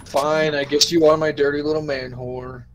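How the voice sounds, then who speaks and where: A man's voice: a little high, level tone, normal speed, rough recording. A man chatting casually while playing a horror game with friends, joking crudely and laughing often. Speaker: gamer. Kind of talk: casual gaming chat. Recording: game music behind.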